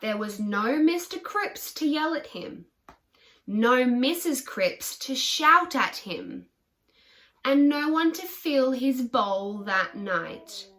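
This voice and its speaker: A woman's voice: sits high, expressive, takes it slowly, fairly bright tone. A woman storyteller reading a picture book aloud to children in a simple, child-directed way.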